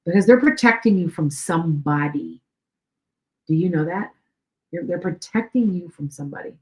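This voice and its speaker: Speaking from an echoey room, a middle-aged woman with a Chicago-Wisconsin accent does psychic readings for live-stream viewers. Her lowish voice is animated and moderately paced, and she chats along, repeating herself and often asking if what she says makes sense.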